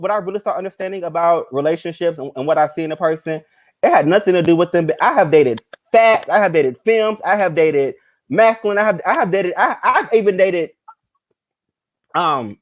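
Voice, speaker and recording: A man with a somewhat high voice talks in a relaxed podcast chat. He hesitates a lot, restarting sentences and filling gaps with "um". The pitch sits a bit above most men. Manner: halting, many fillers and restarts.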